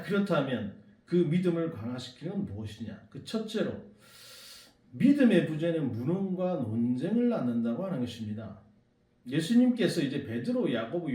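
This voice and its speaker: A man preaching a Sunday sermon as pastor, animated and acting out the voices he quotes. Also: on the high side, roomy sound, recorded from a distance. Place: church sanctuary.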